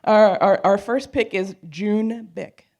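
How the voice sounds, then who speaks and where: A woman's voice: medium pitch, fairly even intonation, takes it slowly, a little mellow. A woman from a sponsor booth joking and announcing a raffle winner.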